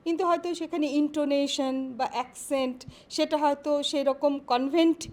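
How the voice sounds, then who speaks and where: A woman professor answering interview questions on careers in a measured, explanatory way, pausing often to find her words. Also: high-pitched, steady tone, a little mellow. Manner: measured, explanatory, with frequent pauses and fillers.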